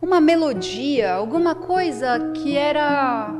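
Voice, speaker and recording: High-voiced expressive woman storyteller. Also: in a large hall, music in the background. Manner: expressive, dramatic pauses, shifting pace. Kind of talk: oral folk-tale storytelling.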